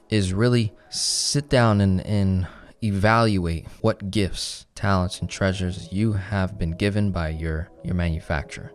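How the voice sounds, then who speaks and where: A young man leads a live online finance class. He talks with energy and keeps tossing rhetorical questions at his listeners. His voice sits a bit on the low side. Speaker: finance coach.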